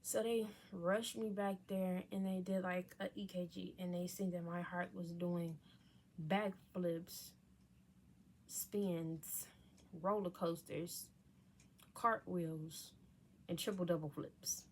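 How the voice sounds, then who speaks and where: Young woman, casual storytelling, blunt and profane, soft whispered asides, faint background hum. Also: lowish voice, fairly even intonation, takes it slowly. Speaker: vlogger telling her surgery story.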